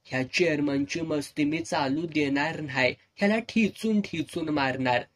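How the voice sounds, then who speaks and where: A man voicing a timid, quick-tempered young village farmer, in a serialized audio novel. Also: a little high. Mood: angry.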